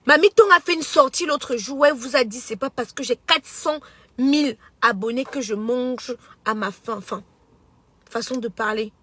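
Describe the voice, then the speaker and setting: A woman's voice: sits high, normal speed, pushed and bright, husky, no room sound. A woman with a Cameroonian French accent, a social media entrepreneur, talking passionately to her followers and often stumbling over repeated words. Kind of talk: emotional direct-to-camera social media monologue.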